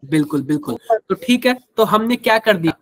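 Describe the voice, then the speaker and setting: A man's voice: high-pitched, animated, fairly quick. A man with a Hindi accent teaching a live online chemistry class, quizzing students and using everyday examples.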